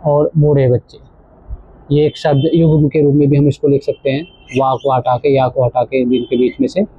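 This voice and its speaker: A male teacher explaining a textbook lesson to children, slowly repeating words for emphasis. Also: medium pitch, level tone, mellow. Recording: tinny phone-like audio.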